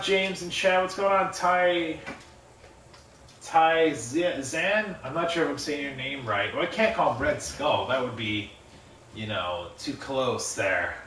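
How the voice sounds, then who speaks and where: On a livestream, a male gamer with a mid-range, bright, forceful voice offers casual commentary on his gameplay. He thinks aloud, reads chat out, and laughs a lot, and the audio comes from a distant mic in a roomy room with faint noise.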